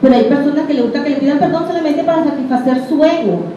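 A woman's voice: high-pitched, fast talker, dark tone, very echoey. Venezuelan lady teaching a group, chatty, keeps asking the room stuff, dull far-off mic, faint hiss. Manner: conversational, questions the audience directly.

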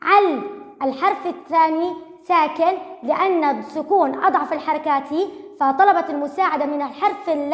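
A woman teacher giving a recorded lesson to young pupils, patiently sounding out syllables one by one and repeating them slowly. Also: sits high, reverberant, big-room sound. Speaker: primary school Arabic teacher.

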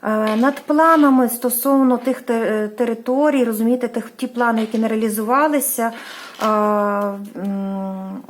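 A woman's voice: a little high, steady tone, moderate pace, a little hiss or hum. A woman from Ukraine giving a casual tarot reading, hesitant, with many fillers and restarts, apologizing for how she says place names. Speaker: tarot reader.

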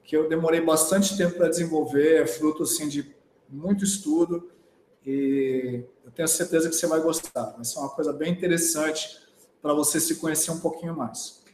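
A man who teaches voice and sings speaks in a chatty live talk with a Brazilian Portuguese accent, often tagging his sentences with "né?". His voice is a little high and darkish, steady and moderately paced, in an echoey room with slight background noise.

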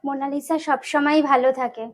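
A woman's voice: high voice, steady tone, a little fast, close to an everyday voice. An actress playing a doting, dramatic middle-aged mother-in-law who gushes and talks of herself by name. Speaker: mother-in-law visiting her daughter.

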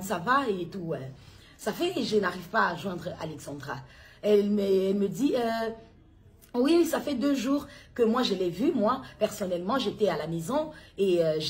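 A worried middle-aged mother from Congo, filmed at home on a phone, recounting events in a halting way with many restarts. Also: medium pitch. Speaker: worried mother making an appeal. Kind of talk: personal appeal video. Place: home interior, indoors. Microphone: phone at arm's length.

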